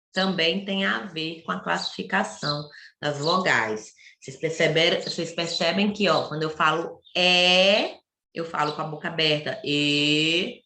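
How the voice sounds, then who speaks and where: A woman's voice: sits low, creaky, bright, forceful tone, reverberant. A woman teaching a primary school class online, explaining step by step and asking the children rhetorical questions.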